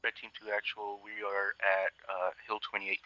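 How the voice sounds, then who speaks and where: A man's voice: fairly low pitch, completely flat delivery, normal speed. A man talking as a team leader over crackly military radio, in terse procedural phrases with some hesitation. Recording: muffled band-limited radio voice channel.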